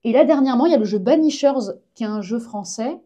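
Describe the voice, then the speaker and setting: A woman's voice: a little high, lively intonation, fast talker, warm tone. A woman, a comic artist and science journalist, chatting casually and enthusiastically as a guest on a live stream.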